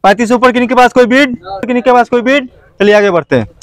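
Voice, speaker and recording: This auctioneer talks fast in a very high voice, chanting prices and calling bids over and over. He's selling motorbikes outdoors on a lot full of parked machines.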